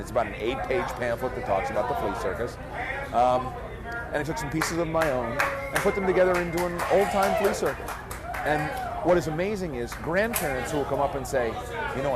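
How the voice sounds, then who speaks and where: A man who works as a flea circus showman giving earnest, reflective answers in a casual interview. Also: medium pitch. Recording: outdoor recording amid crowd chatter. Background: crowd and street noise outdoors.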